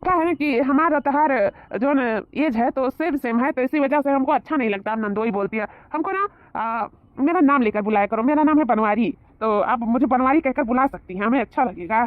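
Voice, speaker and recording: A woman's voice: sits high, fairly quick, no room sound, lightly acted. A woman playing a smug flirtatious village man. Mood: flirting. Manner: wheedling, boastful. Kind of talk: comedy sketch acting. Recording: tinny phone-like sound.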